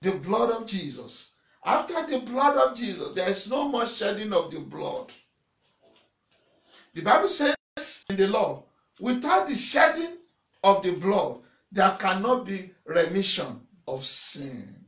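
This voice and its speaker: Forceful pastor, lively pitch. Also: male voice, measured pace. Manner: forceful preaching with repetition and sudden loud shouts; waves arms and gestures while preaching. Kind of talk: sermon to camera. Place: small indoor church room in front of a banner. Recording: echoey room.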